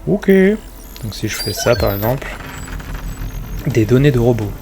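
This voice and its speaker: A man's voice: medium pitch, normal speed, over music. A man giving casual let's play commentary and reading on-screen game text aloud.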